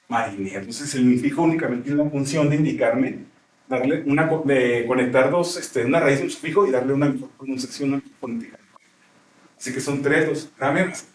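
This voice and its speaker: A male teacher explaining grammar in a classroom, often checking with his students as he goes. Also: mid-range voice. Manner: explanatory, asks frequent checking questions. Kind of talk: classroom lecture. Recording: roomy classroom, mic far off.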